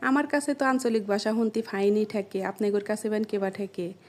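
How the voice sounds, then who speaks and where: A woman's voice: mid-range voice, steady tone, fairly quick, darkish tone. A woman from Sirajganj with a Sirajganj Bengali accent, casually teaching dialect phrases in a vlog, chatty and proud of her speech. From Sirajganj, Bangladesh. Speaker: video creator.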